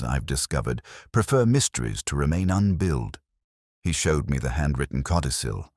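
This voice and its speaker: A man performs a melancholy police inspector in an audio detective drama, with an extremely deep voice. He narrates in measured, formal, brooding sentences, his pitch rising and falling expressively in a dry, close recording. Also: a little mellow, no room sound, full character voice. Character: melancholy, cerebral English police inspector recounting a murder case. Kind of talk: literary first-person detective narration.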